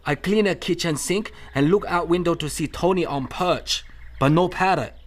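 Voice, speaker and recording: A man's voice: a little high, normal speed, close to an everyday voice. Man acting a clipped detective, Charlie Chan. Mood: excited servant act. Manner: clipped broken English, dropped articles, aphoristic. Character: shrewd Chinese detective, soft-spoken, dispensing proverbs. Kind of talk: audio drama acting of a 1930s mystery.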